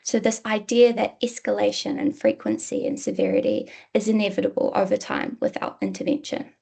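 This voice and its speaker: A university lecturer with a New Zealand accent gives an academic presentation in a measured way, often saying "um." Her mid-range voice is very animated, mellow, husky and gravelly.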